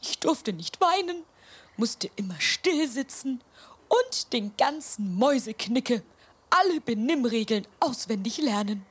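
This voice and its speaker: A woman's voice: a little high, sing-song, unhurried, heavily acted. Woman voicing a prim old grandmother mouse. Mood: sad. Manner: stammering, breathy, half-whispered.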